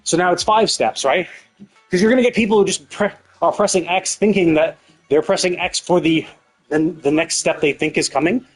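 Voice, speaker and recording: During a game livestream, a man with a high voice gives casual commentary at a moderate pace, explaining his opinions in a rambling, repetitive and mildly exasperated way. Faint music plays behind him, and the audio quality is poor.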